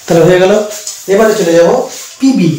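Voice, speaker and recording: A man teaching an English pronunciation lesson, explaining slowly and repeating each word. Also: sits high, mellow, very echoey, far from the mic, a little hiss or hum, rough recording. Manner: slow, repetitive explaining with fillers.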